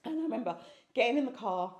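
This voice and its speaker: A woman's voice: on the high side, expressive, fast, echoey room. A woman from the United Kingdom giving an earnest personal testimony in an interview, often repeating phrases for emphasis.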